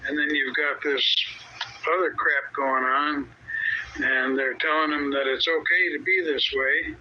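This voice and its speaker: Higher-pitched man on muffled CB radio. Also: fairly even intonation, measured pace. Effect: CB radio transmission. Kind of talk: casual opinionated chat over CB radio. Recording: muffled noisy CB radio transmission.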